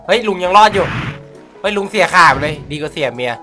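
A man giving casual comedic gameplay commentary as a video host, crude, sweary and excitable in his exclamations. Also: on the high side, quick pace, over music.

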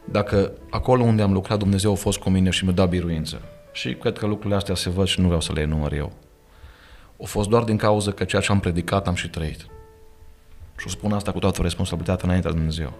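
A man's voice: deep voice, fairly even intonation, a little mellow, soft background music. A man with a Romanian accent speaking as a pastor in a podcast conversation, earnest and emphatic, quoting scripture as he talks. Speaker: pastor and guest. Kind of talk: podcast conversation, preaching manner. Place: studio.

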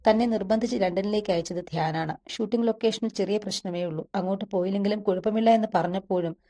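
Female storybook narrator, steady even reading, warm mellow tone. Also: mid-range voice, fast.

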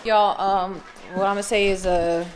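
A woman's voice: mid-range voice, a little slow, a crowd in the background. Chatty young woman vlogging at home. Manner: chatty and expressive, talks straight to viewers as "y'all". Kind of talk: casual home vlog chat. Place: at home, indoors.

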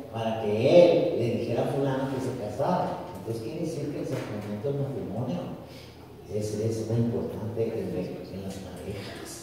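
A man's voice: mid-range voice, warm tone. A man, a priest telling stories in a conversational sermon and often asking the congregation questions. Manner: conversational, asks the audience questions. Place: large echoey hall. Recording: echoey hall from far off, noisy.

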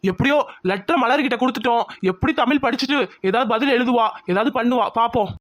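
A man's voice: very high voice, quick pace, fairly bright tone. A man voicing a lovesick young village man in a cartoon, pleading and worried.

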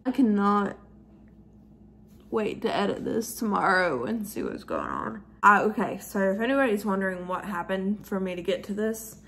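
A woman in her twenties chatting through a casual makeup tutorial, giggly and drunk, with an animated, sassy, slangy way of rambling. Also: medium pitch, moderate pace, creaky. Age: 20s. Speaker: makeup vlogger. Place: living room at home, high ceiling.

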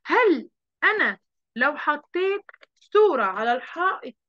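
A woman with an Egyptian Arabic accent teaches an online primary class, coaxing the children along with lots of questions. Her voice is high with big swings in pitch at a normal speed, and the online audio sounds dull and lo-fi.

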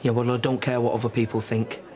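A man's voice: medium pitch, little pitch movement, fast talker, darkish tone, close to an everyday voice. A man playing a loyal, awkwardly devoted lad in a TV soap. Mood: earnest, hurt. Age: 20s. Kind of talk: naturalistic TV soap acting. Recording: pub chatter behind.

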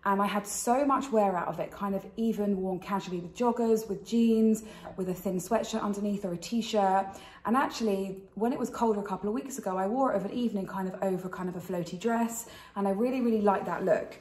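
A woman's voice: medium pitch, fairly quick, darkish tone. A British woman in her thirties hosting a chatty fashion vlog, speaking with a slight impediment from the dental retainers she is wearing. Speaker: fashion channel host. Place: indoors in a kitchen. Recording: roomy kitchen echo.

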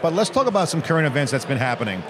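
At a conference, a middle-aged American man hosts a conversational interview in a hotel hall, speaking energetically and emphatically into a handheld mic. His fairly high voice swings widely in pitch and comes out rapid-fire. Busy crowd chatter makes the background noisy.

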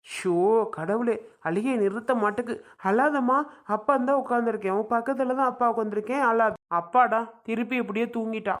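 A woman's voice: on the high side, a little fast, lightly acted. A woman playing a young father in a comedy skit, scolding in an exasperated way. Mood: fretful.

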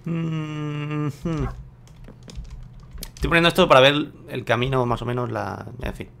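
Gravelly man thinking aloud. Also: fairly high pitch, fairly even intonation, a little slow, fairly bright tone, a little hiss or hum. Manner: chatty, unsure, thinking aloud to viewers. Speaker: gameplay video host. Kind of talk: casual gameplay commentary.

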